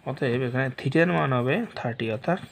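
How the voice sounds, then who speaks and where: A man teaching a math lesson slowly and patiently, walking through each step and mixing English math terms into his speech. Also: mid-range voice, vocal fry.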